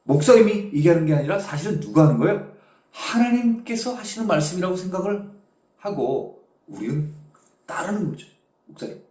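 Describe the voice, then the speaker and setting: Animated preacher man in an echoey room. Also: high-pitched, a little fast. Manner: explains verses in casual speech, acting out quotes. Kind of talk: bible study sermon.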